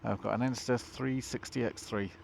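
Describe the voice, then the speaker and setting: This casual ride commentary comes from a chatty man reviewing a motorcycle as he rides it outdoors on the road, describing everything he does. He sounds a bit blocked up and sniffly, with a creaky, steady mid-range voice at normal speed, and the chin-mounted action camera catches heavy engine and wind noise.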